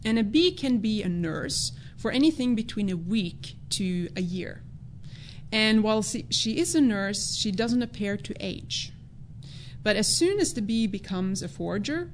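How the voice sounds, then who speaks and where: A woman who grew up in Norway, a biologist answering interview questions in a measured, explanatory way. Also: medium pitch, slight background noise. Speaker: biologist guest.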